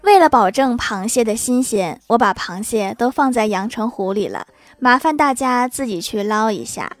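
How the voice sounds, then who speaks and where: A woman's voice: a little high, lively intonation, normal speed. A woman reading short comic anecdotes aloud as a joke narrator, chuckling at the punchlines. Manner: storytelling delivery that chuckles at the punchlines.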